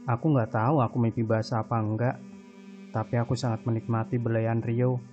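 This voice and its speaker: A man's voice: medium pitch, little pitch movement, a little fast, lo-fi sound, over music, close to an everyday voice. A man voicing a chatty young woman roommate who teases, in a read horror story. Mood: confiding. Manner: teasing, chatty. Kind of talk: storytelling character voice.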